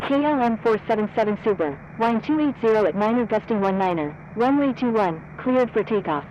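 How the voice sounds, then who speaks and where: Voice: mid-range voice, animated, brisk, muffled recording. Formulaic pilot-style radio voice over background noise. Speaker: air traffic controller and pilots on radio. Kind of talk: scripted air traffic control radio phraseology.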